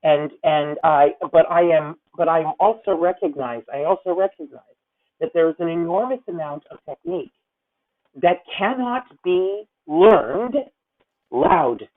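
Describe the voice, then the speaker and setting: A woman in her fifties, a voice teacher, gives masterclass coaching to a singer via a tinny-sounding video call. She speaks a little slowly with a fairly low, lively voice, gushing and wandering as she calls the student honey.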